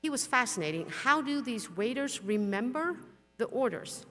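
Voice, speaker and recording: In a large conference hall with long reverb, a middle-aged woman whose first language is Dutch gives a frank, plain-spoken talk with some mild swearing. Her voice is fairly high and a bit bright, expressive, at a normal speed. Faint music plays behind her.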